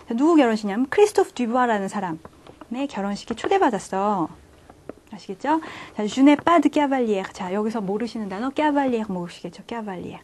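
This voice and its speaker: Woman teaching French, slightly high voice. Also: darkish tone. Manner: explains patiently, starting phrases with "자"; reads French example sentences slowly. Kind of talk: online language lecture.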